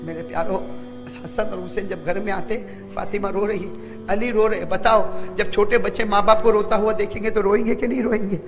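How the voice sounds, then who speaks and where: High-voiced impassioned male preacher. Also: fairly even intonation, over music. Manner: impassioned, asks the audience rhetorical questions. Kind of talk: emotional sermon storytelling. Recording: long hall reverb.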